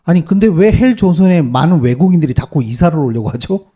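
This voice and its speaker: A male pastor preaching a sermon to his congregation, animated and peppering them with rhetorical questions. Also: a little high, a little fast, slightly rough. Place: church service.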